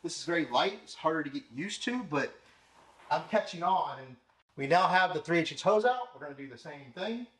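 The recording is rough as a young car-detailing host talks in a slightly high, fairly bright, expressive voice, a little fast. He casually demos products in a home garage with a tiled floor, using his hands and moving around while speaking to a camera mic.

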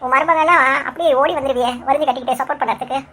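A woman playing a sharp-tongued, mocking older in-law. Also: sits high, very fast, slight background noise. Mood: accusing. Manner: sarcastic, bossy, teasing. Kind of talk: cartoon voice acting.

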